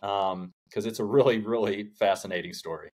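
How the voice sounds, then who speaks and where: A man in his late thirties hosting a podcast interview, talking in a relaxed, conversational way with many fillers, recorded on a studio mic at home. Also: lowish voice, fairly quick. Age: 30s. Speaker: podcast host. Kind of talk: casual interview. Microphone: large studio condenser mic in frame.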